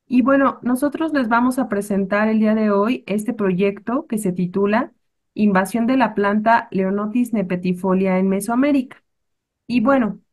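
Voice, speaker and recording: Woman, botanist, academic presentation, measured, pauses to correct herself. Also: mid-range voice, a little mellow. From Mexico. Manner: measured, with frequent fillers and self-corrections. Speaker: botanist presenting a class project.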